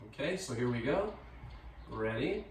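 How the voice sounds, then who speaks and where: A man giving calm, measured step-by-step movement cues as a tai chi instructor. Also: medium pitch. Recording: echoey room, distant mic, faint noise.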